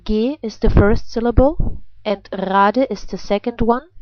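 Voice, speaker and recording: Slow-paced German woman teaching with throaty R. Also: fairly high pitch, no echo. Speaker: pronunciation teacher. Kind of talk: instructional language lesson. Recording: dull, lo-fi sound.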